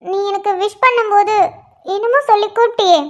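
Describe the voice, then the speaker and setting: A woman's voice: very high-pitched, steady tone, a little fast. A woman voicing a young wife in a cartoon, whiny and tearful at times, bubbly and delighted at others. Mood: happy. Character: young wife, emotional, sulky then joyful. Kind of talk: cartoon dialogue voice acting.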